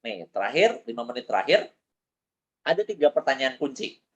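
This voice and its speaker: A man who works as a business coach, giving an animated motivational training talk over a video call, full of rhetorical questions. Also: medium pitch, moderate pace, lo-fi sound. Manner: animated, rhetorical questions, mixes in English phrases.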